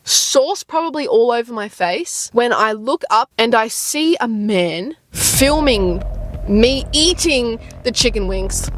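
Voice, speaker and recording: A young woman travel vlogger telling stories in an animated, dramatic way, exaggerating for laughs. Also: on the high side, no room sound. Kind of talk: casual storytime vlog. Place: tropical villa, indoors and out.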